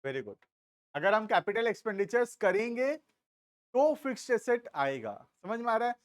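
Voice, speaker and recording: A man with an Indian accent teaching a commerce class, explaining slowly and stopping to check that students follow. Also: high-pitched, big pitch swings, no room sound, clean studio sound. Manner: explains slowly, asks checking questions, drawls key terms. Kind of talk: classroom lecture.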